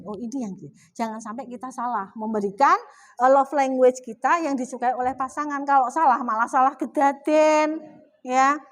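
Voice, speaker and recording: A middle-aged woman with a Javanese accent gives a chatty religious talk in a mosque, often asking her audience questions. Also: sits high. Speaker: Islamic women's study speaker.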